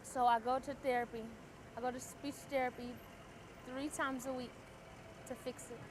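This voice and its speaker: A young woman giving a personal testimonial as a stroke survivor, speaking in a slightly halting way with restarts. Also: sits high, flat delivery, a little hiss or hum, low-quality recording.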